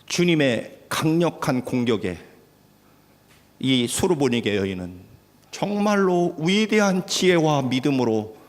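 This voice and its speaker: Man, pastor, sermon, lively swinging pitch, loud exhortation and hushed asides, long church reverb. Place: church sanctuary.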